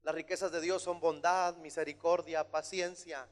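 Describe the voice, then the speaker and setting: A man preaching a sermon as pastor, emphatic and at times shouting. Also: on the high side, flat delivery, normal speed. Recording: long hall reverb.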